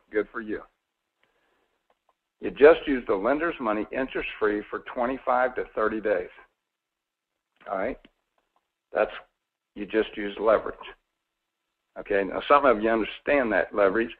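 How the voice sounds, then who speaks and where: A man's voice: fairly low pitch, moderate pace, pauses often, breathy edge. Folksy male seminar speaker, tinny sound. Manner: folksy, asks the audience questions, mildly sarcastic. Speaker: financial seminar presenter. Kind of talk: live seminar talk to an audience.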